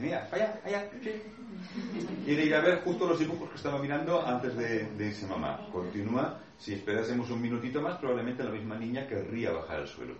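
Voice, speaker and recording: A man giving a classroom lecture, explaining patiently with playful acted asides to his audience. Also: lowish voice. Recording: echoey room, mic far off, faint noise.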